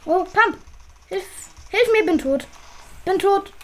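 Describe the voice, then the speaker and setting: A woman's voice: extremely high pitch, slow. A woman playing along in a gaming session, dramatic and exclaiming about every mishap. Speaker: co-player. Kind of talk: excited gaming chatter.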